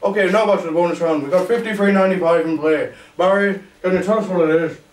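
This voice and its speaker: Parody quiz host , young male actor: cheesy rambler, slightly high voice, echoey distant mic. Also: quick pace, close to an everyday voice. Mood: showy. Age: young adult. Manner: showy, rambling, catchphrase-heavy. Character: bumbling, cheesy male veteran game show host. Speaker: game show host. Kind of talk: game show parody presenting. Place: small indoor room with makeshift set. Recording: echoey room, distant mic, music behind.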